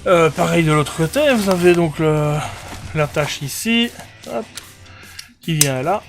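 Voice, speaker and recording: A man walks through a budget tactical vest in a relaxed review. His voice sits on the higher side, and he hesitates often, circling back with fillers. Soft music plays faintly underneath. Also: unhurried, creaky. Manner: hesitant, many fillers and restarts. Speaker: airsoft gear reviewer. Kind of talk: casual product review.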